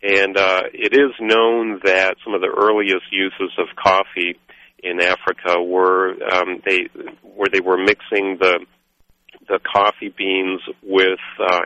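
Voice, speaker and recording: A very low-pitched man from Guatemala talks in a halting, rambling way full of fillers. His tone is forceful and bright. The dry, dull radio recording has a lo-fi edge. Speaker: coffee roaster, guest. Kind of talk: radio interview.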